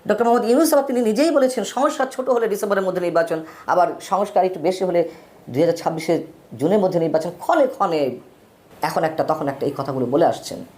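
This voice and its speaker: A man hosting a solo political talk show, emphatic, his pitch swinging widely from phrase to phrase. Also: expressive, a little mellow. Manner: lists names in quick runs. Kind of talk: solo political commentary to camera.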